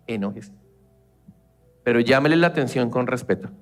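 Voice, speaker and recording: A man with a Colombian accent giving a lively, conversational sermon as a church leader, acting out everyday family exchanges. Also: mid-range voice, moderate pace, faint music behind.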